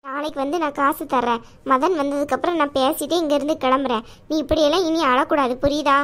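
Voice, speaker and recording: A woman's voice: high-pitched, fairly even intonation, fast, a bit bright. A woman voicing a middle-aged aunt in a cartoon, firm and bossy but affectionate. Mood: firm caring. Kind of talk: cartoon voice acting.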